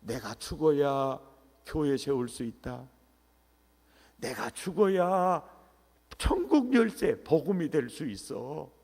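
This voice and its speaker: A pastor voicing Jesus, slow and solemn. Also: male voice, fairly high pitch, lively intonation, vocal fry, a little mellow, heavily acted. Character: Jesus as a calm, resolute teacher, adult man. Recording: echoey church hall.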